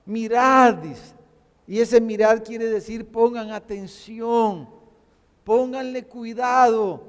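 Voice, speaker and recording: A man's voice: extremely high pitch, darkish tone, long reverb tail. A man preaching a sermon to his congregation, often calling them brothers and repeating words as he builds a point. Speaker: pastor. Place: church sanctuary.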